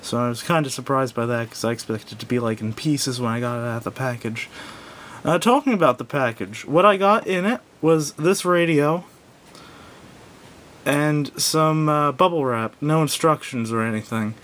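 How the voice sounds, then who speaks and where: Sitting at a wooden table indoors, this man talks through a product he's handling in an unscripted, casual way that wanders, stalls and self-corrects. His tone is fairly bright and his pace moderate. Low rumble and general noise fill the home recording.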